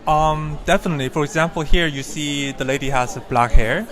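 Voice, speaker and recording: A man's voice: on the high side, fairly quick, a bit bright. A man, speaking natively, answering interview questions hesitantly while searching for words at an art fair. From South Korea. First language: Korean. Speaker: artist and art writer. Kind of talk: casual interview. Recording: noisy crowd at a fair.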